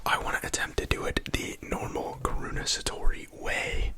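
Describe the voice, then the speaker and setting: A young man whispering ASMR triggers close to the mic, rambling casually with lots of fillers and mouth sounds. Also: normal speed.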